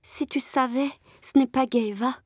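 In a whispered role-play, a young streetwalker, voiced by a woman, confides her story in a soft, high-pitched hush with rustic turns of speech. Her tone is close and confiding. The recording is dry and close. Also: steady tone, unhurried, no room sound. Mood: tearful. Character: young worn Parisian streetwalker, a former country servant girl.

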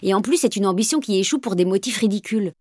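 A woman's voice: mid-range voice, fast, darkish tone, no room sound, studio quality, lightly acted. A woman voicing a sullen, scornful teenage boy who answers in curt, dismissive retorts.

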